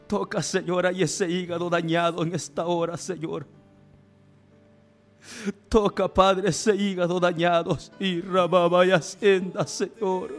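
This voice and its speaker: Over music in the background, a male preacher with a high voice and flat, somewhat slow delivery leads an impassioned Pentecostal healing prayer. He pleads, exclaims, and cries out praise again and again.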